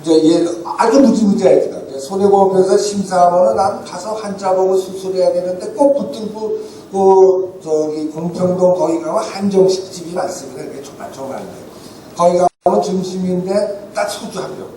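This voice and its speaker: A man's voice: high-pitched, fairly quick, slight background noise. Older man telling stories in an echoey hall. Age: 70s. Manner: animated anecdotes, acts out quoted dialogue. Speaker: author and guest speaker. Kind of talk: storytelling at a book talk. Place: event hall. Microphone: room recording from the audience. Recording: echoey hall recorded from far off.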